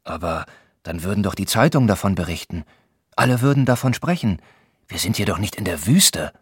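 A man's voice: deep voice, animated, brisk, slightly rough, dry recording, clean studio sound, exaggerated voice. A man reading the part of a tired, skeptical young male student who tries to reason and reassure. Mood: doubting.

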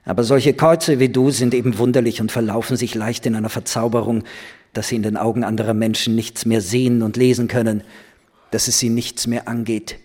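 A man reading a young woman's lines, playful yet grave and commanding, in a slow, serious, quietly insistent way. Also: mid-range voice, flat delivery, natural voice. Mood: earnest, commanding.

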